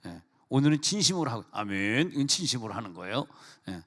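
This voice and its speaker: A man's voice: medium pitch, fast. A middle-aged man delivers a sermon as senior pastor, his voice ringing through a big sanctuary with a long echo. He talks animatedly, acts out quoted voices and breaks off to joke with his congregation. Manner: animated preaching with acted-out quotes and asides to the congregation. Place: church sanctuary. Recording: long reverb of a church hall.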